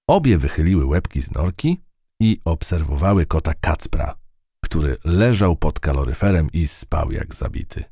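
A man narrating a children's storybook in an expressive, unhurried way. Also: rumbling low, husky, no echo, clean studio sound. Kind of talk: storybook reading.

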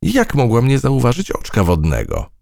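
A man's voice: medium pitch, wildly swooping pitch, moderate pace, gravelly, darkish tone, no echo, clean studio sound, pitched above the performer's own voice. A man voicing an earnest, plucky young female mouse in a children's story.

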